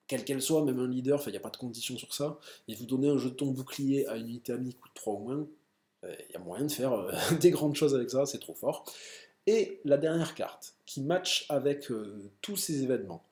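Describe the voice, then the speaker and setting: A man casually explaining card game decks with enthusiasm, full of fillers and quick self-corrections. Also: mid-range voice, a little mellow, echoey room. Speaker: card game deck presenter.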